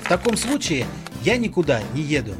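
A man's voice: on the high side, sing-song, a little fast, over music. A man reading the part of a hotheaded, exasperated young musician in an audiobook. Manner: exasperated, theatrical.

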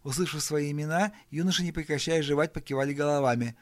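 Man narrating an audiobook, slightly high. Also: steady tone, fast.

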